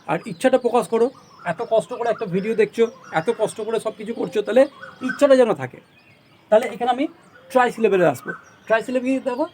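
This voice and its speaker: A male teacher talks through a grammar lesson at a quick clip in a high voice. He encourages his students and stretches out example words to model them. A faint background noise runs under the recording. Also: a little mellow. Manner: encouraging, motivational asides; drawn-out modelling of English words.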